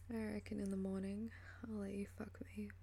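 A woman doing a whispered role-play as a flirtatious, teasing lover, in a sultry, breathy and seductive voice. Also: mid-range voice, warm tone, a little hiss or hum.

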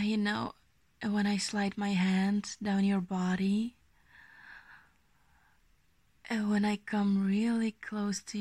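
A woman doing an ASMR role-play as an affectionate, gently dominant girlfriend, speaking slowly and intimately in a coaxing half-soft voice. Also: mid-range voice, no room sound, close to an everyday voice. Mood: teasing, assertive. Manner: slow, breathy, intimate, soft-spoken, coaxing.

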